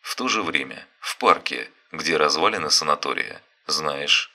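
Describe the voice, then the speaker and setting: Menacing phone villain, low deep voice, slow and measured, read by a male narrator. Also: lively intonation, pushed and bright, heavily acted. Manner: slow, deliberate, threatening.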